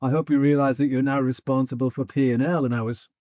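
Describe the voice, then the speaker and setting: A man's voice: mid-range voice, steady tone, fast, darkish tone, dry recording, studio quality. An older man hosting an interview, chatting and telling anecdotes. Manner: chatty anecdotes with laughs and quoted voices. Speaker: podcast host. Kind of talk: conversational interview.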